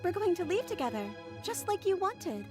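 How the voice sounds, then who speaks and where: Very high-voiced gentle princess. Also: female voice, very animated, normal speed, music in the background. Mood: tender, wondering. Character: gentle young princess, tender and wondering. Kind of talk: video game character acting.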